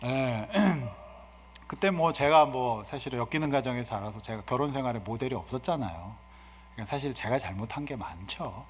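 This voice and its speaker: A male guest pastor giving an animated, humorous sermon and asking the congregation questions. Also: medium pitch, normal speed, slight background noise. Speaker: guest pastor and seminar speaker. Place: church sanctuary. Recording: reverberant church hall.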